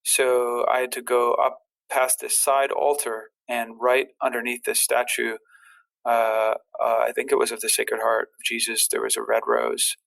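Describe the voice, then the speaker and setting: A man telling personal stories as a podcast guest in a casual, rambling way, halting and repeating words. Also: medium pitch, completely flat delivery, vocal fry, a bit bright, poor audio.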